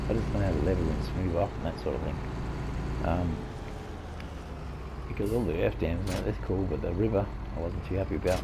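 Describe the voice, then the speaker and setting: A loud engine rumbles under a man's deep, creaky voice. He has a broad Australian accent and talks in a laid-back, colloquial way. He rambles through his gameplay commentary, often muttering asides to himself. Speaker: gaming video host. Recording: rumbling engine noise over the voice. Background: loud tractor engine from the game.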